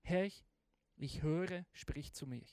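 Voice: mid-range voice, measured pace, no echo, studio quality, natural voice. A preacher doing a grumpy sleepy old priest. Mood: calm. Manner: casual slangy grumbling. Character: older male teacher priest, sleepy and grumpy.

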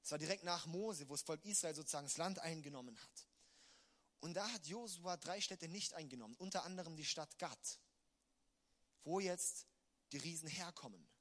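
Bright, high-voiced German-speaking preacher man. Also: normal speed. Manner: emphatic, swings from quiet to loud passages. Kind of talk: sermon.

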